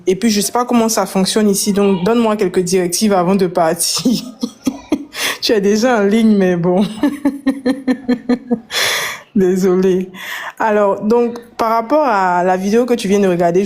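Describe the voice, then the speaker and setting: A woman's voice: mid-range voice, fairly even intonation, moderate pace, darkish tone. Woman chatting on a live panel, kinda hesitant, mid voice. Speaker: panel participant. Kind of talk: casual live chat.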